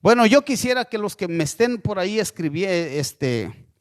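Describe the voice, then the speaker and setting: A man preaching a sermon slowly and deliberately, often checking in with listeners with a questioning "¿sí?" and asking them to send in messages. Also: high-pitched, big pitch swings. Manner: slow, deliberate preaching with frequent rhetorical "¿sí?".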